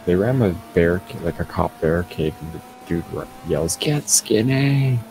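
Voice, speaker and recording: A deep-voiced young man with a gravelly, creaky edge chats loosely over a game session. He rambles and restarts his sentences often. Loud game noise sits behind him. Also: fairly quick. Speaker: gamer. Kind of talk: casual gaming chat. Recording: noisy game audio behind.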